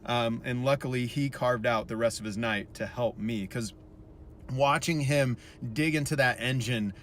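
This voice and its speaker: A man's voice: mid-range voice, normal speed, slight background noise. Chatty self-deprecating male vlogger. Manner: self-deprecating, chatty, animated when quoting others. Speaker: musician vlogger. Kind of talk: casual storytelling vlog.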